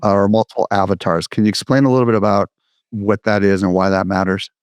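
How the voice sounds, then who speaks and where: A man's voice: on the low side, steady tone, quick pace, no room sound, clean studio sound. A man hosting a podcast interview, asking questions in a casual, conversational way. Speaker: podcast host.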